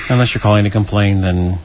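A man's voice: mid-range voice, heavy background noise. A man hosting a late-night radio show, bantering casually with co-hosts, laughing often and poking fun at himself. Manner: chatty, laughs often, playful and self-mocking. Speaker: radio host. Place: radio studio. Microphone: studio microphone. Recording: slightly dull radio broadcast audio.

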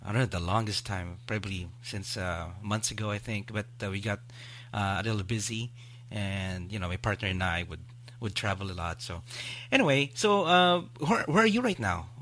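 A man's voice: fairly low pitch, animated, normal speed, fairly bright tone, a little hiss or hum. A man hosting a podcast, chatting casually and rambling with many fillers and restarts. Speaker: podcast host.

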